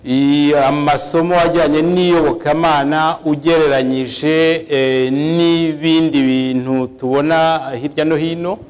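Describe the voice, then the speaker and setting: Guy interpreting at church, bit high voice, big echoey hall. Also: steady tone. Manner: rapid phrase-by-phrase interpreting with hesitations. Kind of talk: live sermon interpreting.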